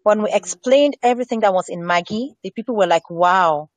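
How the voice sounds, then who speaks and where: A woman's voice: mid-range voice, quick pace, darkish tone, dry recording. A woman speaking as a health educator in an earnest interview, repeating key phrases for emphasis. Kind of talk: earnest conversational discussion on health.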